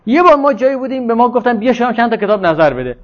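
A man's voice: extremely high pitch, very animated, dull audio. A man leading an informal religious lecture and discussion, talking in a discursive way, repeating his points and asking rhetorical questions.

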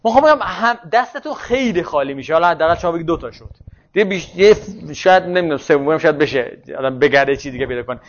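A man's voice: on the high side, lively intonation. Brief: male philosophy lecturer who thinks aloud and corrects himself mid-sentence, dull lo-fi sound. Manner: questions and answers himself. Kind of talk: university lecture. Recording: muffled lo-fi classroom recording.

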